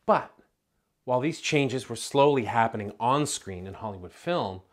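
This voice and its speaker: A man's voice: medium pitch, lively intonation, moderate pace. A man giving an explanatory video lecture on film acting, conversational, with asides and self-corrections.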